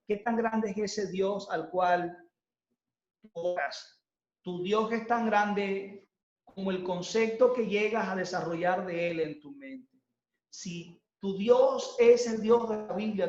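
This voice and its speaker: Male pastor, high voice, earnest repetitive cadence; roomy, dull church recording. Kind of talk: sermon.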